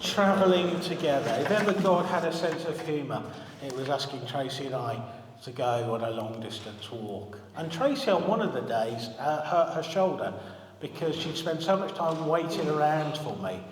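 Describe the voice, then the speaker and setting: A man's voice: on the high side, expressive, moderate pace, slight background noise. Brief: man in his forties, minister, conversational storytelling sermon, light humour, long hall reverb. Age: 40s. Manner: chatty, humorous storytelling, asks the congregation questions. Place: church hall.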